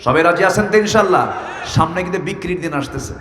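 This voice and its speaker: A man from Bangladesh preaching a fervent, sing-song sermon, with shouted calls for the crowd to answer. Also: sits high, lively intonation, quick pace, roomy sound, long reverb tail, distant mic.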